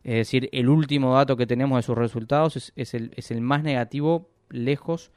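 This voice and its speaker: A man explaining business news in a radio interview, measured and full of hesitations and restarts. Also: medium pitch, fairly even intonation, darkish tone, clean tone, dry recording, clean studio sound. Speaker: economic analyst guest.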